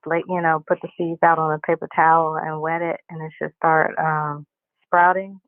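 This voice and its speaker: A caller on a live call-in show, chatting in a relaxed, conversational way. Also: mid-range voice, no room sound. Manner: relaxed, conversational, trailing "you know". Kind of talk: casual call-in chat. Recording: tinny dry phone line.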